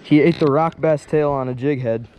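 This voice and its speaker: A young man chatting excitedly while fishing on a rocky riverbank, talking to each fish as he unhooks it, recorded on a head-mounted camera outdoors. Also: on the high side, normal speed, a little hiss or hum. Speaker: fishing vlogger. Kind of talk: casual fishing vlog commentary. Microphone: head-mounted action camera.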